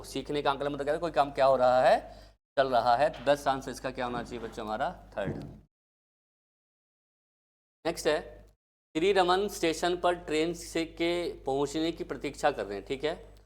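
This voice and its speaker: A male teacher giving an exam-prep lecture, asking questions and answering them himself. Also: fairly high pitch. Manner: asks questions and answers them himself, addresses students as kids.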